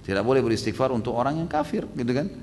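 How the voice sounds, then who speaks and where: A man preaching and answering questions at a religious study session, fast and emphatic, with many rhetorical questions. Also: medium pitch, animated, darkish tone, in a large hall, a little hiss or hum.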